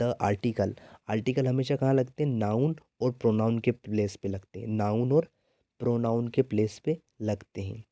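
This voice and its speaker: Man, Hindi accent, grammar teacher, call-and-response questioning, very mellow tone, dry close sound. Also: medium pitch, no echo. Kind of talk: exam-prep grammar lesson.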